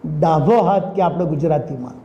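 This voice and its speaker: A man preaching a sermon, shouting exhortations and chanting scripture. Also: on the high side, echoey room, dull audio, slight background noise.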